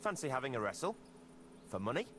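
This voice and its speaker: A man's voice: mid-range voice, very animated, fast talker, a bit bright. An actor playing a hard-up male villager in a video game, talking in a plain, folksy way.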